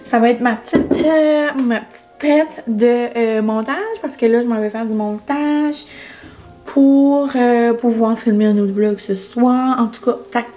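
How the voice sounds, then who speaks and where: Young woman, Quebec French accent, casual vlog chat with many fillers, higher voice, faint music under. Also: mellow. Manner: chatty, many fillers, mixes in English words. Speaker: vlogger.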